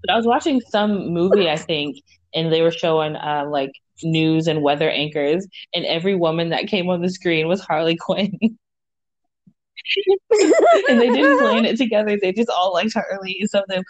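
Husky, low-voiced young woman. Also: no room sound, muffled recording. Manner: laid-back, drawn-out fillers, teasing. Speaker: podcast co-host. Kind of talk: casual chat.

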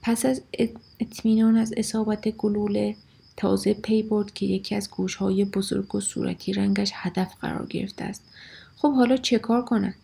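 A woman reading a story aloud, expressive, dropping to whispers and rising for the shouted lines. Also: medium pitch, vocal fry, slightly rough.

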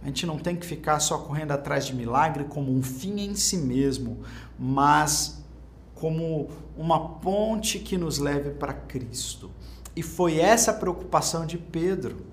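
A man's voice: fairly high pitch, a little slow, a little hiss or hum. A man from Brazil teaching a Bible class as a sermon, informal and earnest, pushing his voice up for emphasis. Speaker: preacher and teacher.

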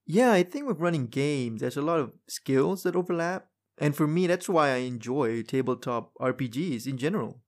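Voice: mid-range voice, lively intonation, normal speed. Brief: podcast host, mid-range voice, earnest casual chat, asks questions.

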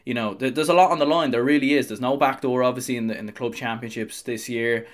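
A man's voice: mid-range voice, fast. An Irish man presents a sports podcast in a mid-range male voice. He talks as a host, delivering commentary in an Irish accent. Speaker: host of a Gaelic games review podcast.

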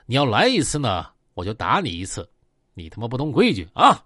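A man puts on a blunt, threatening young gang boss with a Northeastern Mandarin accent. He swears freely and his pitch swings widely. The sound is dry and close. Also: huge pitch swings, fairly quick, fairly bright tone, no room sound. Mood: menacing.

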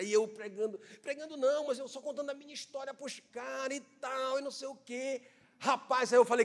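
A man with a Brazilian Portuguese accent giving an animated testimony sermon as a preacher, telling his story with frequent fillers. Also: high voice, in a large hall.

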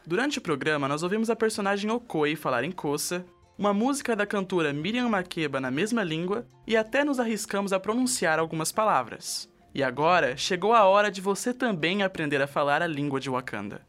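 A man's voice: high voice, expressive, fairly quick, fairly bright tone, soft background music. Jokey young Brazilian man hosting radio. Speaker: student radio co-host. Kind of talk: scripted radio presenting.

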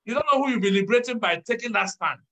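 A man, a pastor, teaching in a church talk show, measured and stressing key words. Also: extremely high pitch, animated, pushed and bright, poor audio.

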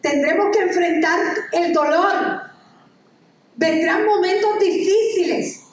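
A woman preacher with a high-pitched voice speaks slowly through an animated, exclamatory sermon, reading scripture between enthusiastic bursts. She sounds distant, echoing through a large hall over faint room ambience and a little hiss or hum.

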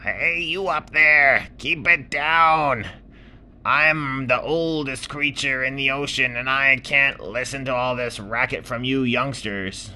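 A man's voice: medium pitch, takes it slowly, a little hiss or hum, pitched above the performer's own voice. A man voicing an ancient, boastful male clam in a bedtime story. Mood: grumpy. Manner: loud, brash, boastful.

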